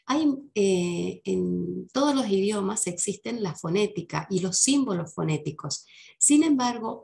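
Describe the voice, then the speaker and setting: Unhurried woman teacher with gravelly voice. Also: medium pitch, a little mellow, a little hiss or hum. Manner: patient, slows down to model English words. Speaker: English teacher. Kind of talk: lesson explaining English for Spanish speakers.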